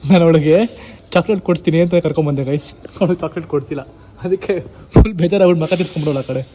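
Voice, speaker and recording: A man's voice: a little high, very fast, muffled recording, a little hiss or hum. A man chatting playfully to his viewers in a casual family vlog at home. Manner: playful, teasing, talks to camera viewers. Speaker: vlogger.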